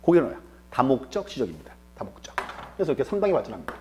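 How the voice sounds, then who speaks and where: A man's voice: mid-range voice, wildly swooping pitch, racing, dark tone, slight background noise. A male lecturer teaching an exam-prep class, asking rhetorical questions and answering them himself, repeating key terms for emphasis.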